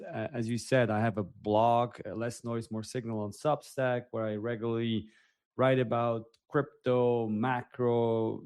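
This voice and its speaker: A man from Switzerland speaks as a guest on an online panel, earnest and searching for his words. His voice sits at a middle pitch, and the recording is dry and close. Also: a little mellow, dry recording. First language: Swiss German. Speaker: panel guest, investment manager. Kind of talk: casual self-introduction. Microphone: remote audio call.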